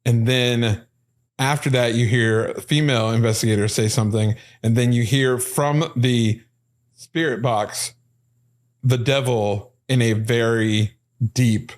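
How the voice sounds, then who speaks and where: A man hosting a paranormal podcast, talking casually in a middle-range voice. He walks through each recorded clip step by step, sounding excited as he explains what can be heard. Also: mid-range voice, measured pace. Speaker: podcast host.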